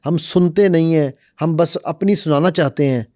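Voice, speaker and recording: Man, podcast guest, animated storytelling, fairly high voice, dry studio. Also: no room sound. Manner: animated, lively storytelling and acting out quotes. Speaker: guest speaker on conflict management. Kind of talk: podcast conversation, storytelling with acted quotes.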